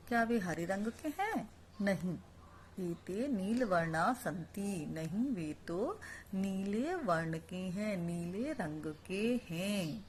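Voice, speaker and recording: A woman's voice: mid-range voice, slight background noise. A woman teaching a Sanskrit lesson online, explaining each word and then repeating it, asking the class questions and answering them herself.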